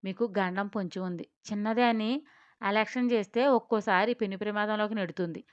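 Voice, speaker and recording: A woman's voice: medium pitch, fairly even intonation, a little fast, clear, resonant tone, dry recording, dull audio, natural voice. A woman voicing a kindly, solemn temple priest who gives warnings and blessings.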